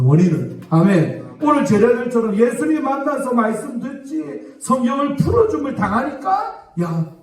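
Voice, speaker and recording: Casting: high-voiced pastor, mellow tone, echoey church hall, distant mic. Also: male voice. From South Korea. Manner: emphatic, repeatedly asking the congregation for amens. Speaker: senior pastor. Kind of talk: sermon. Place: church sanctuary.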